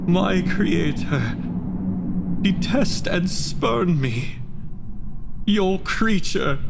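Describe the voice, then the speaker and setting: An actor playing a bitter, wretched creature spurned by its creator, in a formal, impassioned theatrical monologue with heavy pauses and a creaky voice. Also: male voice, high voice, full character voice. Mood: wretched, accusing. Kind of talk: theatrical literary dramatic monologue. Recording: faint background noise, home video-call performance.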